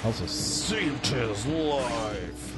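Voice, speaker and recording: A man's voice: mid-range voice, lively intonation, extremely slow, over loud music. A man casually joking through a video game playthrough with a friend. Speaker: let's play host.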